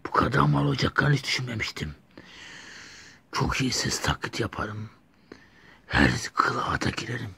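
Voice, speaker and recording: A man's voice: mid-range voice, fairly quick, creaky, husky. A man voicing a scheming male psychopath and master of disguise, in whispered role-play asides.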